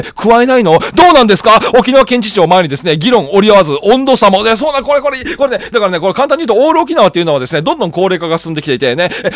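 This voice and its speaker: A man's voice: high voice, no room sound, studio quality. A man giving casual, sarcastic political commentary while reading news aloud, stammering and restarting often. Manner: animated, sarcastic, frequent filler and stammered restarts. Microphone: wireless clip mic.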